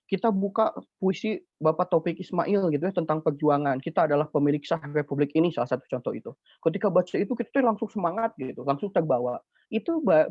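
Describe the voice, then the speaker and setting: A young man with a Sundanese accent gives a chatty, animated lecture on poetry to students. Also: fairly high pitch, dry recording. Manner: chatty, animated, uses fillers. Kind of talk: informal online lecture. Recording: dull dry lo-fi recording.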